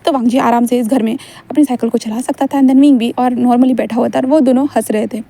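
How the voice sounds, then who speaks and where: A woman's voice: fairly high pitch, fairly even intonation, fast, gravelly, mellow. A woman narrating a fan fiction story in a loose, rambling way. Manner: rambling, with many fillers and restarts.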